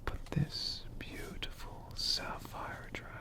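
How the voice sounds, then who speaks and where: An ASMR storyteller who hosts a channel whispers a tale, hushed and lingering, pausing and repeating words.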